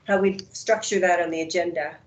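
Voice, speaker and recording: A woman administrator answers at a council meeting in a lowish voice, choosing her words in a measured, formal way. She sets out procedure with careful politeness. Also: fairly even intonation. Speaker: chief administrative officer.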